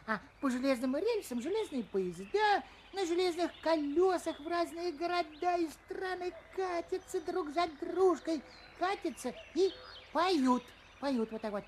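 An actor playing a chatty, eager little male grasshopper in a children's audio story, hesitant and rambling in an excitable way. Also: unhurried, a little hiss or hum. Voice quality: high-pitched, small voice.

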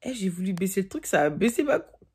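A woman's voice: medium pitch, big pitch swings, fast talker, a little hiss or hum. A young woman chatting to her phone camera in a rambling vlog, full of fillers. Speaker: vlogger. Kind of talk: casual chat to camera. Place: at home, late at night.

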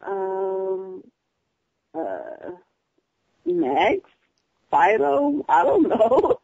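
A woman's voice: sits high, wildly swooping pitch, very slow, vocal fry, mellow, no room sound. A woman chatting casually on the phone as a contestant. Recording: dull lo-fi phone call.

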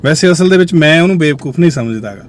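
A male host talking to viewers in a musing way, often sinking to a low quiet voice. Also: lively intonation, very fast, slight background noise. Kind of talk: reflective commentary to viewers.

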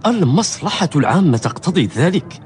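A man's voice: fairly high pitch, very animated, brisk, a little mellow. A nervous cautious townsman in history radio play, scolding, voice goes up and down a lot. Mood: cautioning. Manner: admonishing, wary. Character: cautious, fearful male friend urging silence. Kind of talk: historical radio drama acting in formal Arabic.

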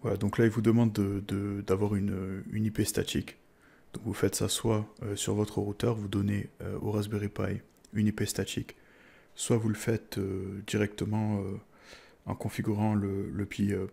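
This fairly low, gravelly, husky voice with a dark tone belongs to a man with a French accent. He's explaining a tech install in a casual screen-recorded tutorial. Hesitant throughout, he fills gaps with "euh," repeats words and restarts.

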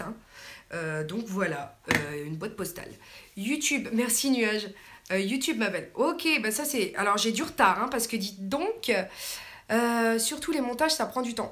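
Woman vlogger, casual live Q&A, chatty and halting, home camera mic. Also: a little high. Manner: chatty, hesitant, many fillers, affectionate with viewers. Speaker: YouTuber hosting a live Q&A. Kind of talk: casual live-stream chat reading comments. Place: home, at night.

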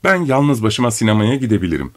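A man voicing a calm, sober 37-year-old unmarried woman in an audiobook, talking in a steady, reasoning way. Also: mid-range voice, fast, close to an everyday voice. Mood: calm, dismissive. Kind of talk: audiobook character reading.

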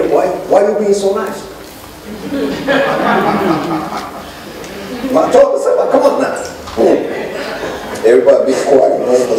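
Middle-aged man, pastor, sermon, pitched a bit high, very roomy reverb, faint hiss. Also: darkish tone. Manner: preacher calling out to the congregation, gesturing. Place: church sanctuary with congregation. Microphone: pulpit microphone, filmed from far back. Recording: echoey church from a distance.

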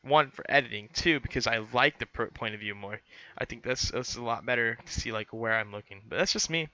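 Speaking a little fast, a young student pilot vlogger talks through a how-to in a loose, rambling way full of fillers and false starts. His medium-pitched voice sounds pushed and bright, recorded on a headset boom mic in a small room with the highs cut off.

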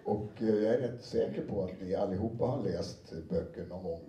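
A man with a very dark, mellow, fairly low voice talks to a live audience about reading books aloud. He is chatty, with many fillers and restarts. He sounds distant from the mic, in a roomy, echoing hall. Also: muffled recording. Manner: conversational, many fillers and restarts, briefly acts out quotes. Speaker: audiobook narrator giving a talk. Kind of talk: anecdotal talk to an audience. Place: lecture room with an audience.

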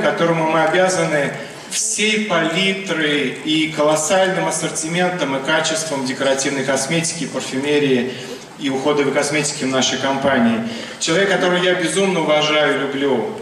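A man's voice: on the high side, fairly bright tone. A man in his thirties introducing a speaker as an event host on a large stage, heard over the PA. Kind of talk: animated stage presentation. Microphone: handheld mic through PA, recorded from the audience. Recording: echoey hall PA, noisy, from far off.

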